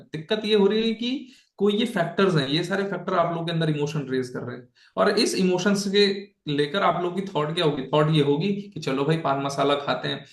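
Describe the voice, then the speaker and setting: A man with a fairly high, creaky voice teaches the Bhagavad Gita in a casual online lesson, and the recording is reverberant. He talks conversationally, checks in with his listeners often, and slips English phrases into his speech.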